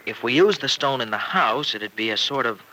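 A boyish young husband who teases his wife and jumps all over his pitch, in an old radio serial. His tone is very bright and cutting. A thin layer of hiss sits under the broadcast. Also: lively intonation, fairly quick, poor audio. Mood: hushed. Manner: boyish, teasing. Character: young husband Freddie, eager and playful. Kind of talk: 1940s radio acting.

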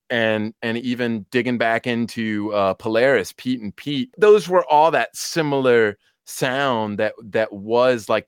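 A man in his thirties co-hosting a casual music chat, telling stories excitably and acting out the dialogue. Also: medium pitch, clean tone, no echo, studio quality. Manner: excitable, acts out dialogue in quotes. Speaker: podcast co-host. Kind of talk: casual chat, animated storytelling.

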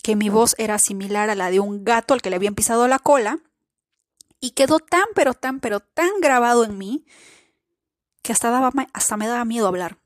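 A woman with a higher voice hosts a reflective spiritual self-help podcast, speaking fairly quickly and earnestly. She poses many rhetorical questions to the listener, and the studio sound is clean with no room echo.

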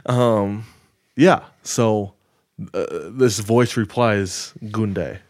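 Podcast host type: man with a low voice, slow and measured, dry close mic. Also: steady tone, no echo. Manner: measured, retelling with filler words. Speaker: podcast host telling a story. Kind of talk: casual storytelling chat.

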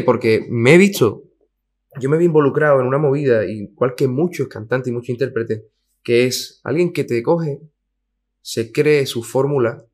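A man speaking as an interview guest, in a mid-pitched voice. He talks emphatically and colloquially, with slang and the odd curse thrown in. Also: slightly rough. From Cádiz, Spain. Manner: emphatic, colloquial, peppered with slang and mild swearing. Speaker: singer-songwriter guest. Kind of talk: casual interview chat.

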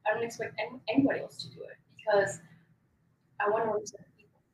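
A woman's voice: fairly high pitch, big pitch swings, fast, a little hiss or hum. A woman in her twenties from Colombia, a political candidate giving emphatic, speech-like answers in an interview. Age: 20s. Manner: emphatic, campaign-speech delivery. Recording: echoey room with faint ambience.

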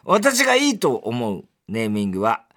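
Lively, playful man on radio. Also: medium pitch, normal speed. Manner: animated, playful, teasing. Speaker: radio host reading listener mail. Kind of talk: casual radio chat.

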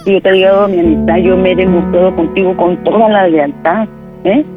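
A man's voice: high-pitched, steady tone, fairly quick, over music, natural voice. A man putting on the voice of a hurt, furious woman who scolds a male friend for betrayal in a prank phone call, with a Mexican accent. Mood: indignant. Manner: scolding, insistent, talks over the other. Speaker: prank caller.

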